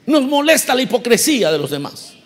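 A man preaching with a high, light voice. He talks to his congregation in a conversational way, keeps asking them questions and acts out the voices he quotes. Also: sing-song, a little fast, fairly bright tone, big-room sound. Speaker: pastor. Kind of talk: sermon.

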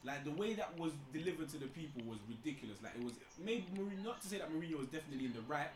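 A man's voice: fairly high pitch, lively intonation, racing, reverberant, a crowd in the background. A man with an urban London accent giving opinionated, slangy football talk as a podcast panellist. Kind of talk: casual opinionated football debate.

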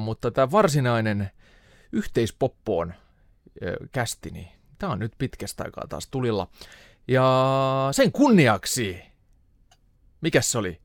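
A man hosts a casual podcast chat with joking introductions. His pitch jumps around in a lively, animated way. The sound is dry and close. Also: no echo. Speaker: podcast host.

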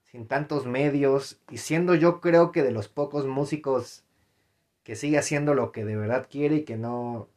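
Speaking at a measured pace in a medium-pitched, darkish voice, a young adult man with a Mexican accent rambles through casual solo podcast commentary. Fillers, restarts, self-corrections and slang fill his talk.

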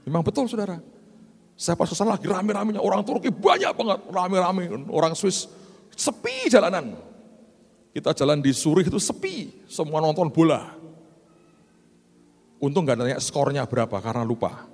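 Lively male pastor preaching. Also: a little high, moderate pace, creaky, pauses often, husky. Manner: animated storytelling, addresses listeners as "saudara". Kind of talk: sermon.

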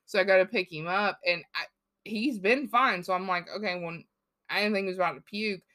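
A woman's voice: medium pitch, a little fast, sharp tone. A young woman co-hosting a podcast, chatting casually and laughing as she rambles through a story. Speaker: podcast co-host. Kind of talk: casual chat.

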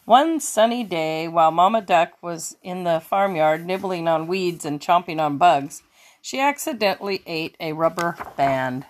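A woman reading a children's picture book aloud, slow and expressive, now and then fixing a slipped word. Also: fairly low pitch. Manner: slow, expressive storytelling with small self-corrections. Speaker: children's story reader.

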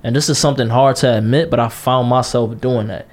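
Talking fairly quickly in a mid-range voice with fairly even intonation, a podcast co-host in his late twenties holds forth on a casual show. He's blunt and passionate, says things more than once, and curses a lot.

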